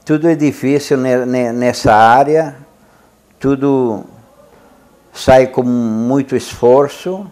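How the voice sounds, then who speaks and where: Man, very slow, stammering, halting testimony, documentary interview. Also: mid-range voice, a little mellow.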